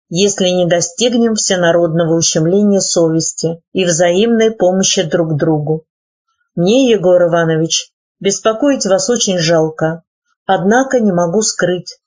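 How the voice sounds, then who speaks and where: A woman's voice: fairly low pitch, darkish tone, slightly rough. A woman reading the lines of an earnest, proud young man, formal in speech, in a dull lo-fi recording. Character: earnest young male nephew, proud and idealistic.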